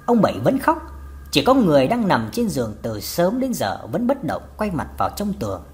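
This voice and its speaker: A woman narrating a ghost story in a dramatic, expressive way. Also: fairly low pitch, brisk. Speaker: audiobook narrator.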